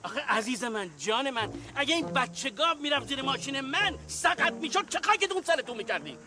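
A man's voice: very high voice, big pitch swings. An actor playing a hot-tempered, blustering mechanic and father who scolds and grumbles. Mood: blustering, scolding.

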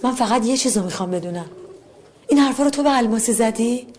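Brief: a woman playing a reproachful young woman, slightly high voice, roomy sound, faint hiss. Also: expressive, darkish tone, natural voice. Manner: reproachful, confronting. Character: hurt young woman confronting her partner. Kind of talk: film drama acting.

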